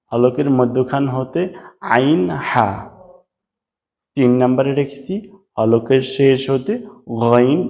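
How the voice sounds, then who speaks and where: A man's voice: medium pitch, dark tone. A man teaching pronunciation of letter sounds step by step, patiently drilling the listener with repeated sounds and asking them to repeat after him. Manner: patient, addresses the viewer as brother. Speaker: Quran recitation teacher. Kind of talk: slow step-by-step pronunciation lesson.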